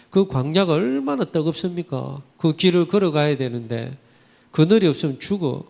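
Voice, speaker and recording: A man's voice: mid-range voice, vocal fry. A man preaching a Sunday sermon, asking his congregation rhetorical questions and using vivid everyday expressions. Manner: animated, vivid colloquial storytelling. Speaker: pastor. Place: church sanctuary. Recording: church hall reverb.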